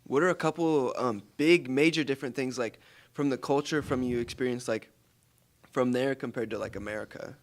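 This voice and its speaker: A man hosting a casual podcast interview, asking brisk questions and using fillers. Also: medium pitch. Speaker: podcast host.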